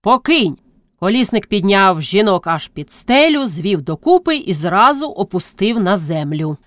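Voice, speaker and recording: A woman narrating a classic story as an audiobook reader, in a lively, expressive reading. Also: medium pitch, normal speed, no echo. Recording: dry studio sound.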